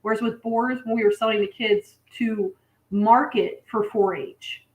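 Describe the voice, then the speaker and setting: A woman's voice: fairly high pitch, fairly even intonation, unhurried. A woman co-hosting a casual farm livestream, chatty, laughing often and greeting viewers. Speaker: farm channel co-host. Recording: echoey, distant, dull mic.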